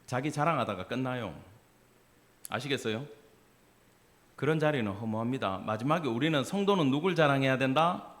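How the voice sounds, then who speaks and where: A male pastor from the Gyeongsang region with a Gyeongsang accent, preaching a sermon in an animated way and acting out dialect and quoted voices. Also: medium pitch, normal speed, pauses often. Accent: Gyeongsang Korean. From Gyeongsang region of Korea.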